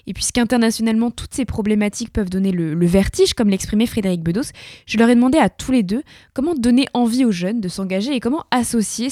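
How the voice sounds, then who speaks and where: Young woman reporting on radio, mellow. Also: medium pitch, dry recording, studio quality. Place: radio studio.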